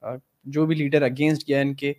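A man's voice: mid-range voice, level tone, darkish tone. A man in a casual discussion, reflective, switching between Urdu and English phrases. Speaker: guest in a discussion.

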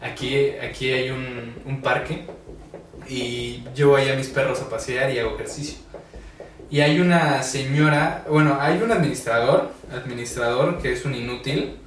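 A man's voice: medium pitch, normal speed. A young Mexican man chatting casually and telling a story in a blunt way, swearing freely. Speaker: podcast co-host. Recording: roomy, distant mic, light noise.

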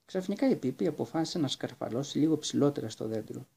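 A man narrating a children's book aloud with lively, expressive storytelling. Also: mid-range voice, vocal fry, husky. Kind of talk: audiobook reading of a children's book.

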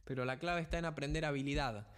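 A young man with a Rioplatense Spanish accent talks business and motivation as a podcast host. His voice sits a little high, and his delivery is emphatic and punchy, with short lines aimed straight at the listener. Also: fairly even intonation, quick pace, a bit bright, slight background noise.

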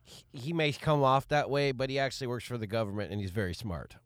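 A man's voice: medium pitch, lively intonation, fast, no echo. A man co-hosting a casual podcast, chiming in with wry, joking asides. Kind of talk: casual chat.

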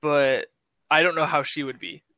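A young man chatting as a podcast guest, easygoing and quick to laugh. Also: a little high, pushed and bright, no room sound. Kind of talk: casual chat.

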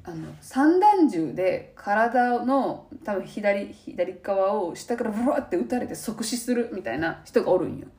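Young woman, Kansai accent, animated chatty storyteller, very lively pitch. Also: measured pace, hardly any pauses. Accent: Kansai Japanese. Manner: animated storytelling, acting out quoted lines. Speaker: podcast co-host. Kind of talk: casual chat.

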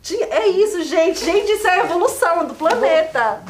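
A young Brazilian woman co-hosting a podcast, telling animated, self-mocking stories about home life. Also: very high-pitched, a little fast, a loud crowd. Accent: Brazilian Portuguese. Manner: expressive, laughing storyteller. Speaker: podcast co-host. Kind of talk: casual podcast chat. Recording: echoey room.

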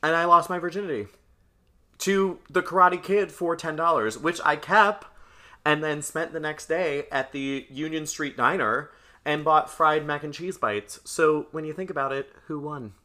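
A man co-hosting a comedy podcast, telling stories with playful deadpan delivery. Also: a little high, moderate pace. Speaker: podcast co-host. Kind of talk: casual comedic chat.

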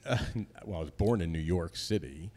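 A middle-aged man from New Jersey, a podcast guest in casual chat, loose and profane and quick to laugh. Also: low voice, expressive, dark tone.

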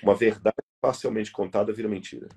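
A man's voice: lowish voice, steady tone, fast talker, vocal fry, mellow, breathy edge. A man from Brazil with a Brazilian Portuguese accent, a guest arguing earnestly in an interview, emphatic and repeating key words. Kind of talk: earnest conversational argument.

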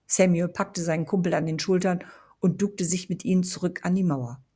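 A woman reading a fantasy novel aloud in a steady storytelling manner. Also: lowish voice, moderate pace, slightly rough. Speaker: audiobook reader.

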